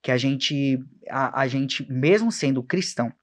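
A man's voice: mid-range voice, measured pace. A young man, a podcast guest chatting casually and acting out quoted dialogue as he tells stories. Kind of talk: casual chat.

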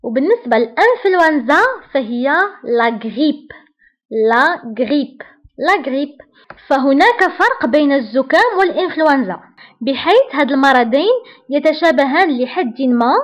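A woman with a Moroccan Arabic accent teaching French vocabulary. She repeats each French word slowly several times. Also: high voice, animated.

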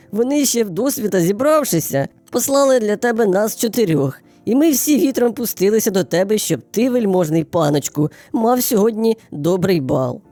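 A woman voicing a small, clever male hare in a children's fairy tale, flattering and bowing in a sing-song way. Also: mid-range voice, no echo, lightly acted. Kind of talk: storybook character voice.

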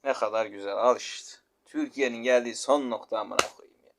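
A man's voice: medium pitch, a little fast. A man ranting and swearing while commenting on his mobile game match, repeating himself as he complains. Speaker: gamer. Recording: noisy gameplay recording.

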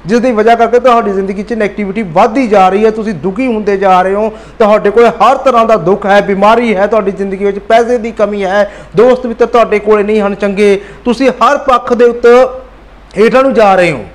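A man's voice: sits high, steady tone, quick pace. A man giving a motivational talk. He speaks earnestly, repeats phrases for emphasis and addresses his listeners directly as friends.

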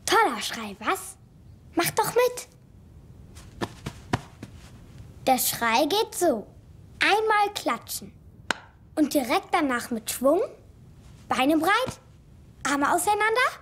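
A woman's voice: high-pitched, very animated, takes it slowly, pauses often, a bit bright, exaggerated voice. A woman voicing a cheeky, boastful young boy mouse in a children's cartoon, eagerly addressing young viewers.

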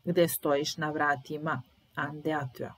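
Slow, low-voiced woman teaching German. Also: fairly even intonation, slightly rough. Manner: repeats German sentences then translates, patient. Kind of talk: slow language lesson.

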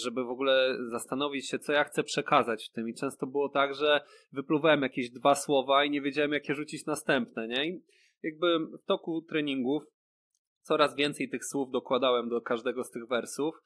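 A man's voice: mid-range voice, fairly bright tone. A man, a rapper guest on a podcast, explaining things at length in casual talk with many fillers and tag questions. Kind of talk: casual interview chat.

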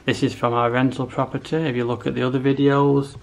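A man's voice: medium pitch, level tone, fairly quick. A man in his thirties vlogging in a casual, rambling, matter-of-fact way as he walks through a house, recorded on a handheld camera. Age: 30s. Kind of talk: casual walkthrough chat to camera. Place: rooms of a house, indoors. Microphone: camera held at arm's length. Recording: handheld camera with clear background noise.

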